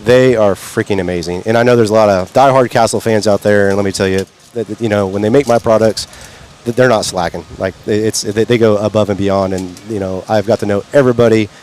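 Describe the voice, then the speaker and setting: A man's voice: on the low side, fairly even intonation, fairly quick, hardly any pauses, darkish tone, a little hiss or hum. A man from Kansas City chatting as a guest at a race event, rambling and repeating words. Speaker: guest, product maker. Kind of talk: casual interview chat.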